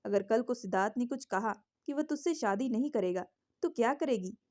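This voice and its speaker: A woman's voice: on the high side, lively intonation, a little fast, a little mellow, lightly acted. A woman voicing a bossy, scheming middle-aged mother who scolds her daughter. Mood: scolding.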